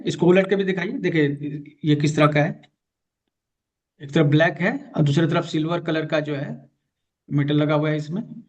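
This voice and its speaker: Male teacher, fairly high voice, muffled call audio, patient and repetitive. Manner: patient, repeats key terms, directs a student. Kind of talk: online class on magnet therapy. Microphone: video call.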